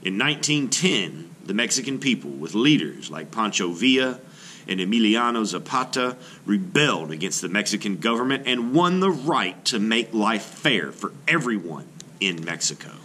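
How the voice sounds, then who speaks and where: A middle-aged man reads a children's nonfiction book aloud, sounding like an art teacher addressing young pupils. His fairly low, bright voice swings up and down with lively intonation as he moves through each sentence in a measured, expressive way, with light background noise underneath.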